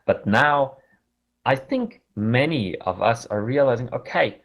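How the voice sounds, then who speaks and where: A man with a German accent gives an online conference talk in a casual, chatty way, halting often with fillers and restarts. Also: medium pitch, animated, a bit bright. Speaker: conference speaker.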